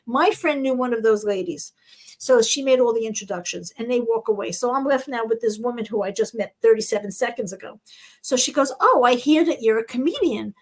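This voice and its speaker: A woman comedian hosting a show, telling a story in a lively, animated way and acting out the people in it. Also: fairly high pitch, a little fast, rough recording. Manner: animated, acts out quoted voices. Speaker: host.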